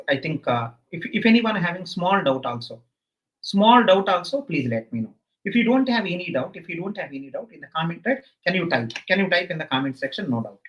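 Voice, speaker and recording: A man's voice: sits high, fairly bright tone, muffled recording. A man with a South Indian accent teaching a live online exam class, emphatically repeating his phrases over and over.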